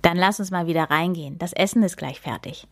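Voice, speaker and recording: A woman voicing a kind father in a read-aloud children's story, speaking in a brisk, practical way. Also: lowish voice, no room sound, lightly acted. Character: kind father calling his son inside.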